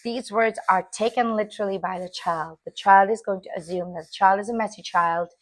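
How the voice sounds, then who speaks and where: A woman's voice: mid-range voice, a little fast, no room sound. A woman who works with preschool teachers gives an informal talk on parenting, speaking earnestly with emphasis and acting out the phrases parents say. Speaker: early childhood educator.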